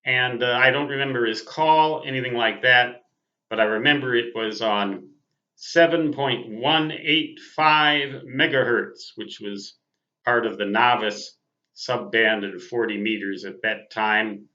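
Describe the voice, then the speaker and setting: Speaking to viewers in a relaxed, reminiscing monologue, this Minnesota host and ham radio operator in his 60s is careful and exact, even spelling terms phonetically. He has a medium-pitched, bright, forceful voice, captured in dull, lo-fi sound.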